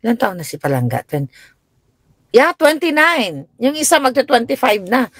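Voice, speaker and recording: This live stream features a middle-aged Filipina at home in the United States, casually recounting tales of her grown children and replying to viewers. When quoting herself, her voice rises sharply. Her delivery is sing-song at a normal speed, captured in clean studio sound without echo.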